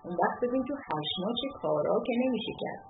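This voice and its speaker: A cheeky teenage boy makes sly, teasing remarks, voiced by a woman narrator. The voice bounces lively, and the thin, phone-like sound carries music underneath. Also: medium pitch, lightly acted. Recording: tinny lo-fi audiobook with music.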